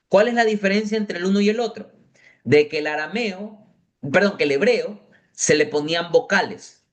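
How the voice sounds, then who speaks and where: A man teaching an adult catechism class in a parish classroom, explaining step by step and often checking that his students follow. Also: high voice.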